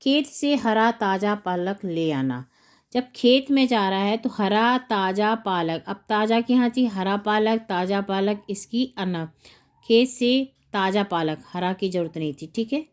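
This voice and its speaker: Female teacher, unhurried delivery, sounds words out syllable by syllable for young pupils. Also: mid-range voice. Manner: slow, spelling words out syllable by syllable. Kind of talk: textbook lesson walkthrough.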